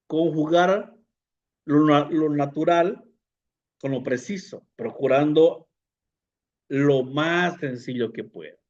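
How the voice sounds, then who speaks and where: A man teaching a public speaking class to pastors, unhurried, often repeating words and putting questions to the listeners. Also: on the high side, darkish tone, dull audio. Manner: unhurried, repeats words, fillers, asks the audience. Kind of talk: lecture to pastors.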